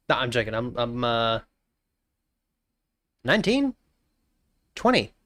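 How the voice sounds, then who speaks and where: A sing-song, mid-range voice moves at a slow pace as this twenty-something man, nose blocked, chats jokingly on his live stream. He warmly greets chat and often mumbles off at the end, with no room sound present.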